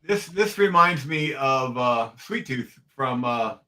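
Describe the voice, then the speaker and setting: A man in his fifties co-hosting a casual hobby podcast, upbeat and quick to agree, telling stories in an easy way. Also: medium pitch, lively intonation, pushed and bright. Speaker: co-host.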